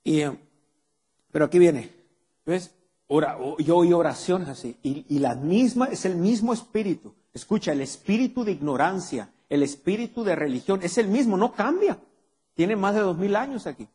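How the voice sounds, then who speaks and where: Preaching in a church hall full of congregants, this male pastor throws rhetorical questions at his listeners amid a long hall reverb. His high-sitting voice is expressive, dark and husky, at a normal speed.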